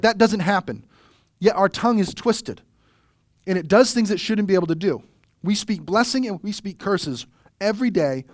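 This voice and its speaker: Animated conversational pastor, man. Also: high-pitched, dry recording, studio quality. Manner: conversational, animated storytelling with rhetorical "right?". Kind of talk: sermon.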